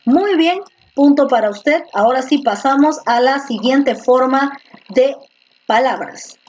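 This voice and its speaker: A woman's voice: sits high, expressive, a little slow, darkish tone. A woman teacher giving an online class, patiently repeating words and quizzing her students, heard through a computer microphone. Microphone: computer microphone in a video class. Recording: slightly muffled lo-fi audio.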